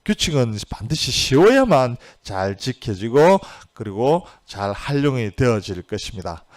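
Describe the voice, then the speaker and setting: Lively-voiced male grammar teacher. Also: medium pitch. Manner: explanatory, asks "그죠?" for agreement; reads English example sentences slowly. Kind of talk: video lecture.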